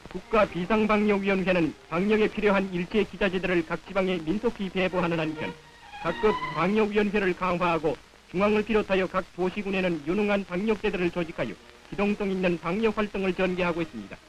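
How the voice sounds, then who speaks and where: A man's voice: sits high, quick pace, a little hiss or hum, poor audio. A man with a North Korean accent reading scripted 1950s propaganda newsreel narration in a solemn, declamatory manner on an old film soundtrack.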